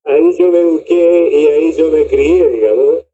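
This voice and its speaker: A Chilean man with a Chilean accent, a guest on a radio interview, telling his memories in a reflective, measured way. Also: on the high side, warm tone, faint music behind. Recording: dull lo-fi call audio.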